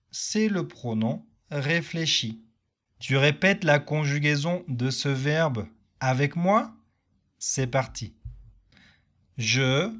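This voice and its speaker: Slow, careful male teacher. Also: on the high side, fairly bright tone. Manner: slow, careful, models words for repetition. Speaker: French teacher. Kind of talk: language lesson.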